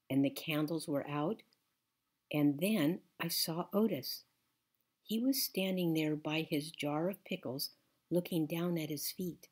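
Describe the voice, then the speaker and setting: A woman reading a children's novel aloud in first person, gentle and unhurried. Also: sits low, breathy edge. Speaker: audiobook reader. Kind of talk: storybook narration.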